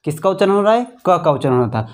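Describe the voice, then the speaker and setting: A man's voice: a little high, big pitch swings. A man teaching a grammar lesson who keeps asking the class questions and then answering them himself, stretching out single letters and syllables as he spells. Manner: repeats questions to students, calls them friends; slow, drawn-out syllables when spelling letters.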